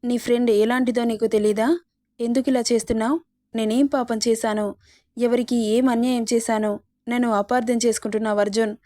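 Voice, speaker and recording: A woman's voice: on the high side, warm tone, no room sound, clean studio sound, lightly acted. A woman voicing a hurt young wife who pleads with her husband.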